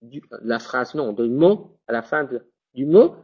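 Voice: mid-range voice, lively intonation, mellow, breathy edge. A French teacher giving a pronunciation lesson who spells out letters, repeats example words and keeps asking if the class follows. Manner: spells out letters and checks understanding often; repeats example words slowly, self-corrects. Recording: dull lo-fi recording.

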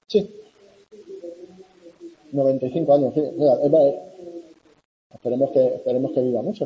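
A man from giving a university lecture in a conversational way, often checking in with students and filling pauses. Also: mid-range voice, lo-fi sound. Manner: conversational, with many fillers and "¿vale?" checks. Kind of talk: classroom lecture.

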